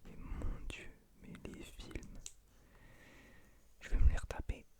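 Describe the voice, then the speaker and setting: Male, late 20s. Whispered role-play in hushed library whisper, ASMR host, self-deprecating and confiding. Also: slow. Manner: soft unvoiced whispering; hesitant, self-deprecating, intimate address to the listener.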